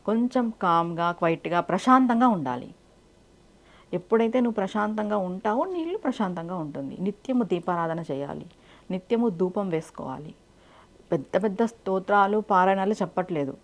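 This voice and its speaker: A woman's voice: mid-range voice, animated, fairly quick. A woman giving devotional advice in a direct, instructive way, often asking rhetorical questions. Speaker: spiritual speaker.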